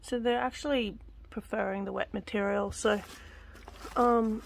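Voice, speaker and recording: In this backyard gardening vlog shot on a handheld phone, a young woman talks in a relaxed, rambling way full of ums, sometimes whispering up close. She has an unhurried, creaky mid-range voice, and there's a little hiss or hum.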